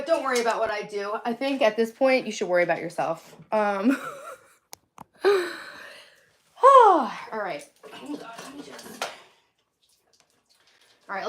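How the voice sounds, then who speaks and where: A woman's voice: a little high, fairly bright tone. A woman live streamer chatting casually from home on a phone, blunt and easily sidetracked as she talks to viewers. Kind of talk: casual rambling chat with viewers. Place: indoors at home, moving between rooms. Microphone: phone, moving around. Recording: faint background noise.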